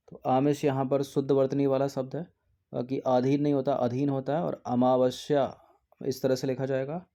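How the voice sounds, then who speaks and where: A man's voice: medium pitch, gravelly, dark tone. A man going through the answers of an exam practice test, explaining each one steadily and repeating words to check them. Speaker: exam prep teacher. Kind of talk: test series answer walkthrough.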